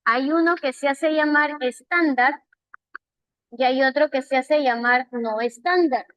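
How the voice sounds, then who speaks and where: High-voiced woman teaching a class. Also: no room sound. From Peru. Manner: explanatory, checks understanding with frequent "right?". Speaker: language teacher. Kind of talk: live online class lecture.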